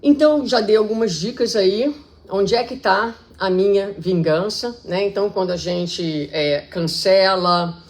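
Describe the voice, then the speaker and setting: A woman with a Brazilian accent giving a public spiritist lecture in a conversational way, acting out quoted speech with lively shifts. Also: mid-range voice, moderate pace. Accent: Brazilian Portuguese.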